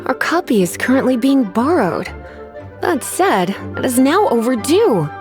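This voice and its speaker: In a video game role, a woman voices a languid, teasing librarian who is coy and polite with menace beneath. Her high, sing-song voice sighs through drawn-out politeness in English, sounding weary and ominous over soft background music.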